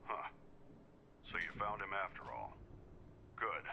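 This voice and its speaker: An actor playing a composed augmented male ex-soldier engineer in a video game, speaking in a measured, plainspoken way. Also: deep voice, big pitch swings, vocal fry, bright, forceful tone, dull audio, a little hiss or hum, heavily acted. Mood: calm. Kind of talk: video game character dialogue.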